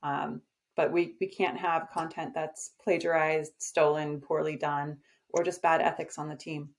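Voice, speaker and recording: The agency owner's voice sits low and she delivers her words flatly and a touch slowly. In this laid-back podcast conversation she talks confidently and plainly about her company, often pausing on "um."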